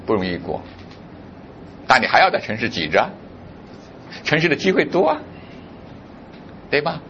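A man's voice: mid-range voice, big pitch swings, normal speed, sharp tone, dull audio, slight background noise. A male pastor preaching a sermon, who keeps putting rhetorical questions to his congregation.

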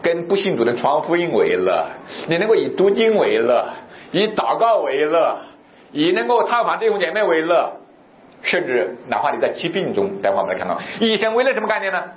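A man's voice: a little high, brisk. A man preaching a sermon as pastor, telling stories and asking the congregation rhetorical questions. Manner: animated, rhetorical questions, storytelling. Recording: echoey, slightly dull recording with faint noise.

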